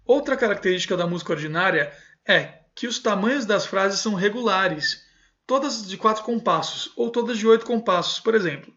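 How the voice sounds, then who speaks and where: High-voiced man teaching from a book. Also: expressive, fairly quick, sharp tone, dull audio. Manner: keeps adding a questioning "certo?" tag, corrects himself aloud. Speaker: music teacher. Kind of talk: reading and explaining a book in a video lesson.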